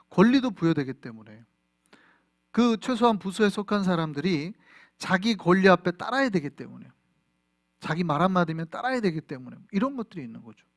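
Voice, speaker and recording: A man's voice: sits high, no room sound, clean studio sound. A middle-aged man, a pastor, preaching a sermon in a conversational way and often asking the congregation questions. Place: church in Flushing, New York.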